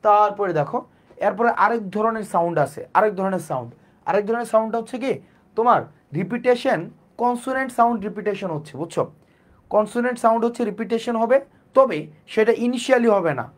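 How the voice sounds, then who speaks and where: Repetitive teacher drilling sounds. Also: mid-range voice. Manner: repetitive, drills sounds over and over, asks and answers own questions. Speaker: English teacher. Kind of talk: live online class lecture.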